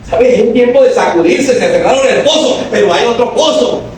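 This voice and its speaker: A male pastor preaching a sermon to a congregation, calling for responses and rising to shouted exhortations. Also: extremely high pitch, expressive, moderate pace, slight background noise. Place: church hall. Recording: very echoey hall, voice from far off.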